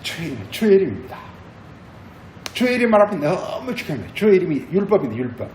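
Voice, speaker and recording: A man's voice: sits high, sing-song, fast, darkish tone, roomy sound, slight background noise, rough recording. A male pastor giving a sermon, repeating phrases and asking the congregation questions. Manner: repetitive, asks the congregation questions.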